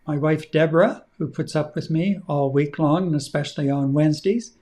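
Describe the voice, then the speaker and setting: A middle-aged man co-hosting a casual talk show, relaxed and rambling with plenty of fillers. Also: on the high side, moderate pace. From Canada. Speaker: podcast co-host. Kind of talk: casual chat.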